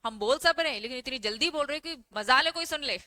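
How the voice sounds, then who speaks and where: Woman teacher, bright clear voice, keeps quizzing the class, dry close sound. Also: high voice, quick pace, no room sound. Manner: lively, asks the class questions and answers them herself. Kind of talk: online class lecture.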